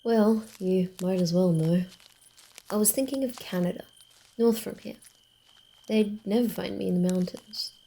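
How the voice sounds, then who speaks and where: A woman with a lowish, gravelly voice performs a wary vampire in a quiet ASMR roleplay. She teases dryly, grumbles, hesitates, and frequently whispers.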